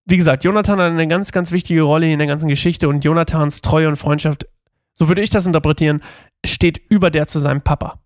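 A man's voice: on the high side, steady tone, fast, no room sound, clean studio sound. A man reading aloud from the Bible and adding casual, chatty commentary for listeners, with loose fillers and restarts. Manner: addresses listeners directly.

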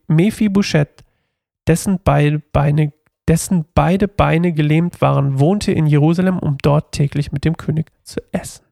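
A man's voice: a little high, gravelly, warm tone, dry recording, studio quality. A man reading a Bible passage and casually explaining it, rambling with many fillers and restarts. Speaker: Bible study teacher.

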